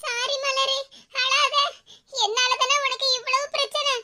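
A woman's voice: very high-pitched, little pitch movement, unhurried, pushed and bright, full character voice. A woman voicing an apologetic young girl, the friend of a college student, who speaks with a Kanyakumari Tamil accent in a soothing way. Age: young adult. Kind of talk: animated cartoon dialogue.

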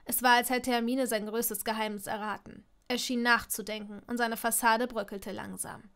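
High-voiced woman narrating an audiobook. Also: flat delivery, normal speed, a bit bright, smooth. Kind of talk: scripted narration of fan fiction.

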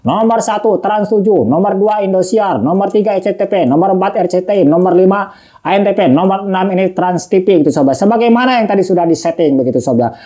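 A man hosts a casual tech how-to at breakneck speed. His tone is dark and mellow, and he rambles and repeats himself as he clicks through each step. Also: high voice, lively intonation. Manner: rushed, repetitive, chatty, says he talks too fast. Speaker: tech tutorial host.

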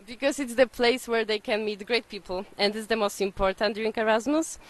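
A woman's voice: a little high, fairly even intonation, fairly quick, rough recording. A young woman from the Basque Country, answering interview questions with enthusiasm on a handheld mic indoors. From Basque Country, Spain. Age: young adult. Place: indoor hostel reception.

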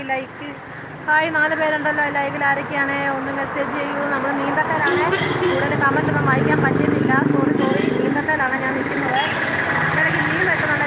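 A very high-voiced woman talks like a street fish vendor on a casual livestream, calling out and repeating herself to viewers. She is outdoors at a roadside, with loud traffic noise all around her. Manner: calls out to viewers repetitively, like a vendor. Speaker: fish seller hosting a livestream from the stall. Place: outdoor fish stall by a bypass road.

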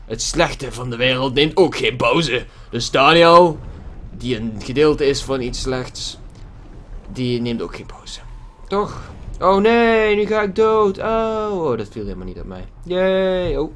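A man's voice: mid-range voice, animated, a little slow, a bit bright. A man giving casual gameplay commentary at his computer, swearing a lot with exaggerated frustration. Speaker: gaming YouTuber. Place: at a computer desk with a loud keyboard. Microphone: desk microphone.

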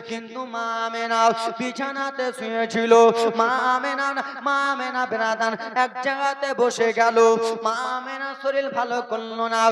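A man preaching in Bengali, singing and crying his sermon in a high, sobbing chant that swells and cries out. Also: pushed and bright, distant mic. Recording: echoey hall with music.

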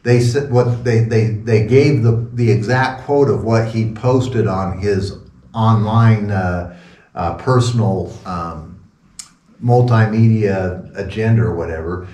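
Speaking slowly in a dark, lowish voice, this sixties-aged pastor delivers a loose, meandering sermon peppered with sarcasm. The setting is a small indoor room with wood paneling, and the mic sits far off, catching plenty of room echo.

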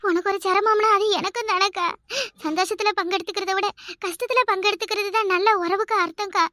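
A woman's voice: very high voice, steady tone, fast, sharp tone, dry recording, clean studio sound. A woman voicing an earnest, apologetic younger sister-in-law who is devoted to her elder in a cartoon dub. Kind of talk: cartoon dubbing.

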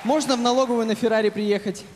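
A man playing a brisk statistics clerk in stage comedy, listing things matter-of-factly. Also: very high voice, fairly even intonation, background noise. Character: brisk male statistics clerk offering options. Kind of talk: live sketch comedy. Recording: echoing hall, music and crowd.

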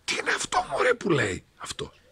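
A man voicing an old monastic elder who questions and gently corrects. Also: sits high, wildly swooping pitch, husky, voice pushed up, full character voice. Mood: questioning. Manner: questioning, fatherly, chiding. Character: old monastic elder, stern then tender.

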